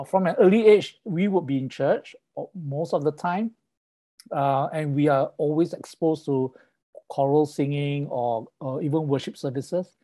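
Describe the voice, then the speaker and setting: A man's voice: a little high, warm tone. A middle-aged man from Singapore, a guest on a video call, talking about his background in a friendly way with frequent fillers, through a wired earphone mic. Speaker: guest, professor of sacred music.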